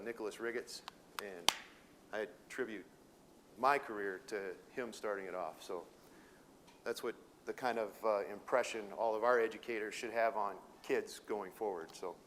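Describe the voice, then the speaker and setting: Speaking to a roomful of educators, this Detroit-born welding sales manager has a Minnesota accent and a loose, homespun style that wanders and is packed with fillers and false starts. He's middle-aged, with a fairly low-pitched voice, a fairly bright tone, and an ordinary pace. There's a little hiss or hum on the recording.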